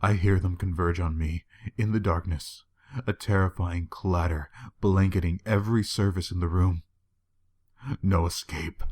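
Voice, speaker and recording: A man reading a horror story aloud in a measured, grim way. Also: sits low, mellow. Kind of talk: scripted horror narration.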